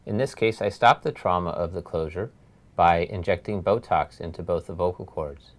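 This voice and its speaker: Low-voiced man narrating medical lecture. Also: normal speed. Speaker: laryngologist lecturer.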